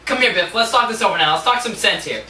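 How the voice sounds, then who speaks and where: A young man playing an eager younger brother pitching schemes. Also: quick pace, heavily acted. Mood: excited. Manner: eager, pitching ideas excitedly. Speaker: student actor. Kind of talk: amateur scene acting. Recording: roomy, distant camera mic, faint hiss.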